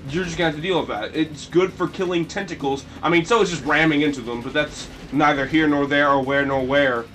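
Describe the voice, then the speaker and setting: A man giving casual, goofy gameplay commentary, rambling and breaking into sudden shrill yelps. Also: brisk, fairly bright tone, soft background music. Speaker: let's play commentator.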